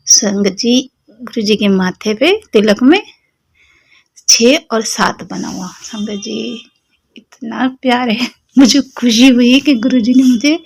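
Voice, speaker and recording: A young woman with a Delhi Hindi accent and a slightly sore throat, sharing a devotional testimony with fervent, personal warmth as she speaks directly to the congregation. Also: fairly high pitch, husky. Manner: addresses listeners as sangat ji, fervent and personal. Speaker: devotee sharing satsang experience.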